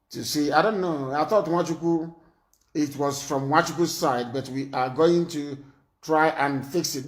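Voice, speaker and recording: A man hosting a live call-in talk show who talks in a commanding way, repeats his points and scolds his callers. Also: on the high side. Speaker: live stream host taking calls.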